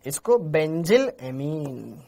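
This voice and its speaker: A man's voice: a little high, very animated, slow pace, vocal fry, dark tone, a little hiss or hum. A man teaching chemistry in a live online class. He talks in a playful, teasing way, calls students by name and mixes English words and lines of verse into his explanations.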